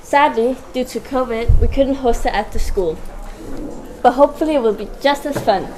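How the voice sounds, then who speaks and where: Young female student guide, raised in Switzerland, higher pitch. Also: normal speed, a little mellow, slight background noise. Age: young adult. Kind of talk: scripted school tour.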